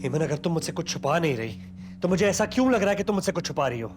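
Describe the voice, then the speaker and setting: An actor playing a young husband who is protective and quick-tempered but tender, talking earnestly in a TV drama. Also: male voice, on the high side, very animated, over music. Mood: tense, worried. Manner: earnest, swings between urgent worry and teasing. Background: drama background score.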